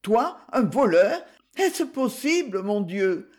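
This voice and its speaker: A man's voice: high voice, very animated, slow, darkish tone, voice pushed up, heavily acted. A man reading aloud voices a distressed young woman confronting her father, in a raised pleading voice. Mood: indignant.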